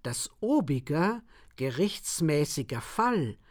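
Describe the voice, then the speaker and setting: A woman narrating a humorous story in a measured storytelling manner. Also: deep voice, sing-song, a little mellow. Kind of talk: scripted narration.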